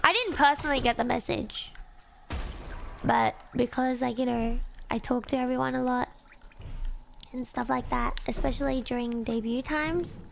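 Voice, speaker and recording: A woman's voice: on the high side, steady tone, normal speed, vocal fry, a little hiss or hum. A young woman chatting casually on a livestream in a cute, girlish anime-streamer manner, close on the mic. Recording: music playing behind the voice.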